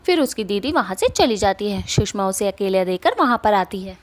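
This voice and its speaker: A woman narrating a cartoon story in a plain, steady storytelling manner. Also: mid-range voice, moderate pace, dry recording.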